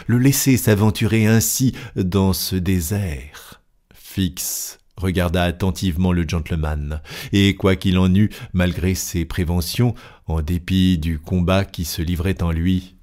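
Deep-voiced guy reading an audiobook, slow and steady. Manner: steady, deliberate narration. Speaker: narrator. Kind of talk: audiobook reading of a classic novel.

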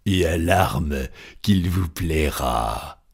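A man voicing a gruff, rude colonel. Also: extremely low pitch, animated, very slow, heavily acted. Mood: defiant. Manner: gruff and scornful. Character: rude, irritable American colonel, male.

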